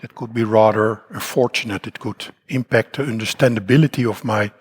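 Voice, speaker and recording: In a conference hall, a Dutchman with a Dutch accent and a croaky voice gives a talk that rambles and pokes fun at himself, full of fillers and restarts. His voice is lowish and his pace brisk.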